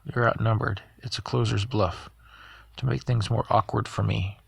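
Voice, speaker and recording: A man's voice: on the low side, steady tone, moderate pace, vocal fry, husky, no room sound, exaggerated voice. A man reading the lines of a defiant village vicar in an audiobook, speaking curtly and commandingly.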